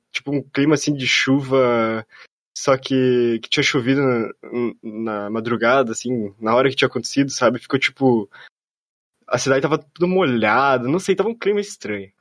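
A man's voice: mid-range voice, dry recording. A young man with a southern Brazilian accent, telling a story in a casual, rambling way with lots of slang and fillers.

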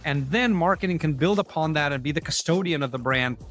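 Soft music plays behind a fortysomething marketing executive with an Israeli accent as he recounts his career on a podcast, candidly poking fun at himself. He speaks a little fast in a fairly high, fairly bright voice.

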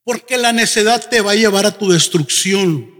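A man preaching a sermon as pastor, animated and often mimicking congregants in quick asides. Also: high voice. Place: church sanctuary. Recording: church hall with long reverb.

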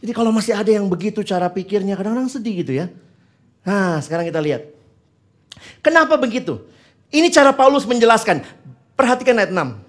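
A man with a high-sitting voice preaches a sermon, teaching from the Bible and questioning his listeners while slipping in English phrases. He swings widely in pitch, talks fast with frequent pauses, and alternates between loud emphasis and quiet asides.

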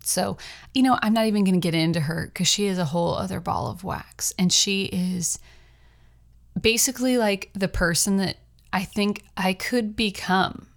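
A woman's voice: mid-range voice, moderate pace, vocal fry. A young adult woman hosting her own podcast, telling personal stories in a chatty, rambling way with frequent laughs. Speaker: podcast host, writer. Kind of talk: casual personal monologue.

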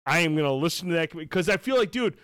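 A man hosting a casual livestream chat, talking excitably and swearing freely. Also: on the high side, quick pace, clean tone, no room sound, clean studio sound. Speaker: show host.

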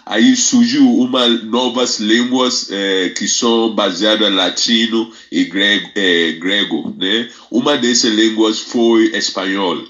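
A man giving a spoken monologue that explains word origins, often checking in with his listener and spelling words out slowly. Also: fairly low pitch, fairly bright tone, highs cut off.

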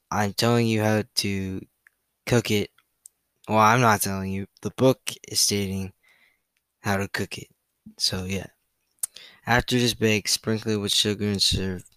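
A young man with a bright, forceful, rather low voice hosts a solo podcast. He reads facts in a loose, chatty way, full of fillers, stumbles and self-corrections. The sound is dry and close, with no room around it. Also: no room sound, poor audio. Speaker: podcast host.

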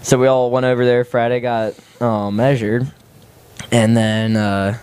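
A man's voice: medium pitch, little pitch movement, unhurried, a little mellow, clean tone. A young man on a podcast, casually telling a story and laughing as he goes. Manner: laughing while telling an anecdote. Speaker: podcast co-host.

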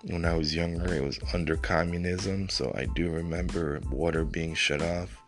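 A man's voice: low-pitched, fairly even intonation, moderate pace, soft background music. A man from Ukraine in his thirties hosting a solo podcast, talking off the cuff in a reflective, motivational way, rambling with lots of "I mean" and "you know.". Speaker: podcast host. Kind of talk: unscripted solo podcast monologue.

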